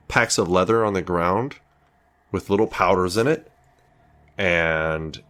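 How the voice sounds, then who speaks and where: Low-voiced man narrating a tabletop game. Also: a bit bright. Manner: casual, halting. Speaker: game master.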